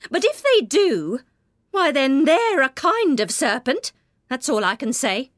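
Storybook mother pigeon, acted by a woman: high, swooping, indignant, suspicious, forever scolding, very dry sound. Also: very animated, measured pace, no echo. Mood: contemptuous, sulky. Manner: shrill, indignant exclaiming and complaining. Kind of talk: dramatized storybook reading.

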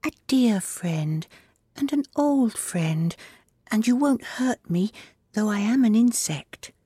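A man's voice: high voice, lively intonation, slow pace, dark tone, slightly rough, no echo, clean studio sound, pitched above the performer's own voice, heavily acted. A man voicing a tiny, plaintive gnat in a storybook, with a very small, thin, sighing voice. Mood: sad, pleading.

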